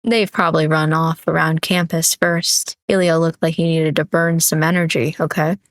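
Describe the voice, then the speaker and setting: A bookish young student with a dry, doubtful way of talking, read by a woman. The voice sits low and close to the mic, in a dry room with no echo. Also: little pitch movement, moderate pace.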